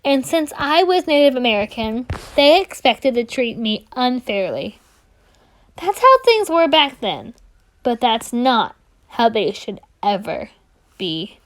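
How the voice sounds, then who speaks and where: Reading slowly in a slightly high voice, a woman brings a children's picture book to life, lingering on words for emphasis with expressive storytelling flair.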